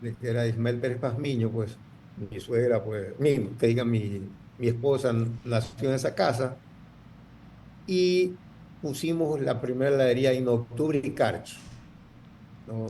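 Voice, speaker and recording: A guest entrepreneur tells his story in an interview, rambling with lots of restarts and fillers. His mid-range voice has a dark tone and a measured pace, with a little hiss or hum on the recording.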